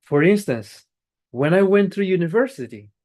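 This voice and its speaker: At a moderate pace and medium pitch, a club speech-giver from Angola delivers a prepared motivational speech full of energy. A native Portuguese speaker, this speaker leans on emphasis, repeating key phrases and restarting words.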